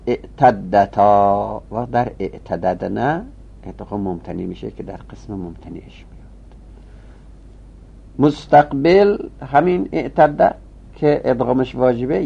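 A man teaching a grammar lesson, chanting verb conjugations in a rising sing-song and dropping to a low mutter when he explains. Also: vocal fry, warm tone, slightly rough. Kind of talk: recorded Arabic grammar lesson. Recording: muffled low-fidelity recording.

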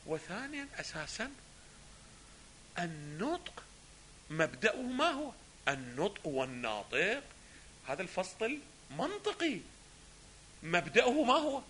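Teaching a philosophy text, a religious scholar speaks in a high, sharp voice over slight background noise. His lecture often turns to rhetorical questions that he answers on his own.

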